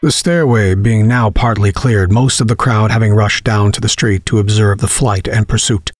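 A man narrating a horror story, reading in a measured, dramatic way. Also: fairly low pitch, dry recording.

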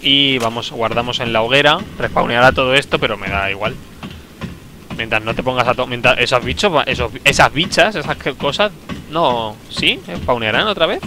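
A man's voice: medium pitch, normal speed, bright, forceful tone, slight background noise. A young man, casually commenting on a game he is playing, joking and bursting out. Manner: chatty, joking, talking to himself, sudden outbursts. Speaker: streamer. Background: game music.

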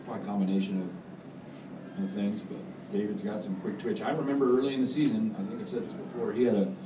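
A man in his forties, a head football coach answering post-game press questions in a measured, halting way with many fillers. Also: lowish voice, steady tone. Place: press room with backdrop, indoors. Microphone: table mic on stand. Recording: roomy, distant mic, background noise.

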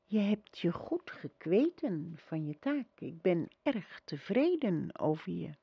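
A woman voicing a gentle young girl empress who speaks softly, calmly and reassuringly in a storybook reading. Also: on the low side, slow pace, gravelly, slightly rough, no echo, muffled recording, exaggerated voice. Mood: serene. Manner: soft, calm and reassuring.

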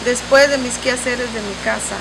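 A woman from Guatemala, a tour company employee, giving an earnest, gentle staff testimonial outdoors. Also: fairly high pitch, steady tone, normal speed, vocal fry. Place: outdoors among trees. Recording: loud hiss and noise outdoors.

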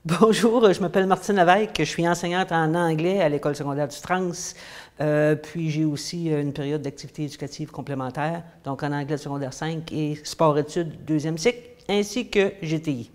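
Soft music plays in the background as a woman with a low-pitched, steady, slightly mellow voice speaks at normal speed. An English teacher in her fifties with a Quebec French accent, raised in the United States and then Quebec, she answers interview questions hesitantly with many fillers in a small room against a plain wall.

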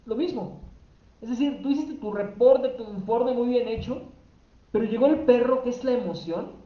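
A woman giving a spoken teaching talk about emotions, explaining step by step, asking rhetorical questions and repeating phrases for emphasis. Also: on the high side. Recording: roomy, slightly dull recording.

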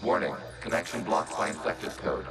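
A man voicing a calm, emotionless synthetic machine collective in a video game, speaking in flat, clipped, precise announcements. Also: a bass voice, normal speed. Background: loud game music.

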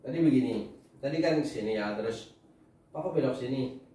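A man's voice: mid-range voice, brisk, mellow. A man talking as a father giving his family advice in casual chat, lecturing and laughing often. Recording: echoey room, mic far off.

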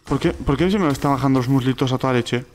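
A man with a Spain Spanish accent talks through his gameplay at a rapid clip. His pitch sits in an ordinary middle range, and he gets excitable, firing off the same word again and again when something startles him. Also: a little hiss or hum. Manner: excitable, repeats words rapidly when alarmed. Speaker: gaming YouTuber. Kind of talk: let's play commentary.

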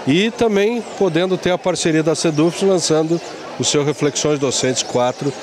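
A man in his forties speaks proudly and formally in a fairly high voice. He talks into a handheld mic outdoors at night, with clear background noise. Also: moderate pace. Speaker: university press official. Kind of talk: interview statement. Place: outdoors at a book fair at night. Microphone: handheld reporter mic.

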